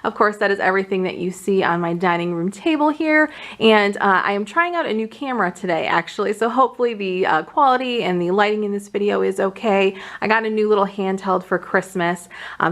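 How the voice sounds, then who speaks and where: Woman, mid-range pitch, creaky, a bit short of breath, informal beauty vlog chat, product rundown. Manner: informal, conversational. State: slightly out of breath from pregnancy. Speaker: beauty vlogger presenting used-up products. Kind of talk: casual chatty product rundown to camera.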